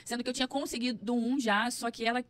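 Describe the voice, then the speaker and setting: A woman's voice: a little high, fairly even intonation, fast, dry recording. A woman, a podcast guest telling her story frankly, with a mild stammer that now and then blocks a word. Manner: frank storyteller, reenacts her own past remarks. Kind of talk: casual interview chat. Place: podcast studio.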